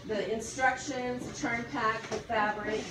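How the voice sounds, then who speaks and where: A woman's voice: fairly high pitch, steady tone, unhurried. Woman tour guide in an echoey, noisy space. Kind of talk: informal explanatory guided tour. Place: large indoor warehouse. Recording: echoey, noisy warehouse, distant microphone. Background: loud warehouse ambience.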